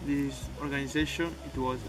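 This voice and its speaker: A young Peruvian man volunteering answers interview questions in a flat, medium-pitched voice, speaking a little fast. His phrasing is hesitant and broken. The mic is distant, with loud music in the background.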